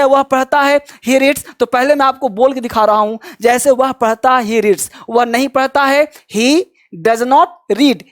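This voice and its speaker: A man teaching spoken English, drilling phrases slowly and repeating them, urging students to answer. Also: extremely high pitch. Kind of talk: Hindi-language English lesson with drills.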